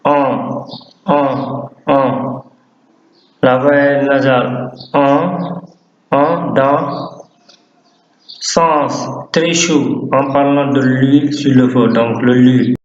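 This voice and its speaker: Slow, deliberate male language teacher. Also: steady tone. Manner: drawn-out, drilled pronunciation of words. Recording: echoey room, dull low-fi sound.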